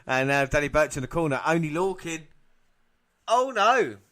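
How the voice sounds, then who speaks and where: Male podcast commentator, bright and forceful, excitable and quick to laugh. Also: fairly high pitch. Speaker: podcast co-host. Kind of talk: playful wrestling commentary.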